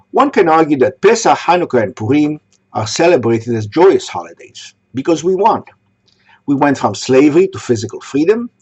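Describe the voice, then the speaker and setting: A man from Egypt delivering a sermon, posing rhetorical questions in a measured way. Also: mid-range voice, darkish tone, breathy edge. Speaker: synagogue speaker. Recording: dull lo-fi recording.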